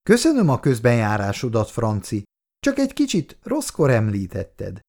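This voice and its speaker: Easygoing middle-aged dad read by a guy in a storybook, gravelly voice, lively. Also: mid-range voice. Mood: mild. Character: middle-aged father, mild and conciliatory.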